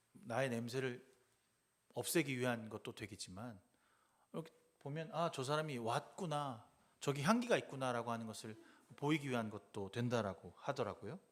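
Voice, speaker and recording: A male pastor delivering a Sunday sermon in church. He moves between hushed, near-whispered lines and loud, emphatic calls, and acts out quoted voices in conversational asides. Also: mid-range voice, lively intonation, moderate pace. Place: church sanctuary.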